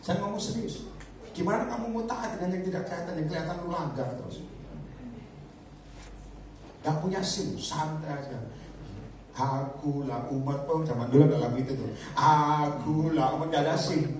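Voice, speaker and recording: A man preaching a lively sermon, joking the congregation and acting out the voices of the people in his stories. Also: a little high, fairly quick, pauses often, background noise. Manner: animated, jokes and asks the crowd to raise hands; acts out voices of disciples and believers. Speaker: evangelist preacher. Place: church or prayer meeting hall. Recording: echoey hall, recorded from far off.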